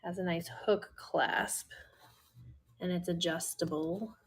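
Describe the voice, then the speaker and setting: Midwestern woman host, relaxed slow livestream seller who chats to herself. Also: fairly low pitch, slightly rough. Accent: Midwestern American. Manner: chatty, talks to herself while listing items. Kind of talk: casual livestream selling.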